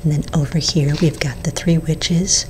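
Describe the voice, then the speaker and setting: A woman gives an ASMR role-play of a library story hour in a soft, breathy library soft voice. Her voice sits low, and she moves gently and informally through a picture book. A faint low rumble of noise lies under the recording. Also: steady tone, normal speed. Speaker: librarian reading a Halloween picture book aloud.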